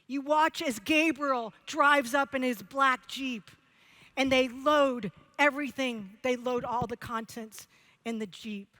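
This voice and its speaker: A woman giving a stage speech, telling a story slowly, with dramatic pauses. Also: high voice, bright, forceful tone. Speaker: keynote speaker.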